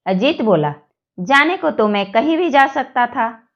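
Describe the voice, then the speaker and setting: A woman reading a series of short jokes aloud, telling them slowly and evenly with the quoted lines. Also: fairly high pitch, reverberant, highs cut off. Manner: slow, even joke telling with quoted lines. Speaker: joke narrator.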